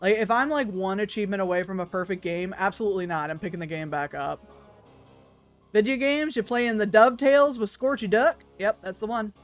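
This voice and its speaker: Woman game streamer, medium pitch, casual chat, playful, wry, sweary, music behind. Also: brisk. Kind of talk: casual chatty game commentary.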